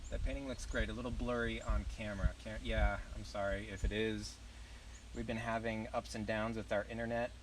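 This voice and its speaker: Out at a campground, a young man with a Southern US accent rambles on a live stream, cursing casually as he talks. His low-ish voice is brisk with little pitch movement, heard through a distant mic on a rough recording with some hiss or hum.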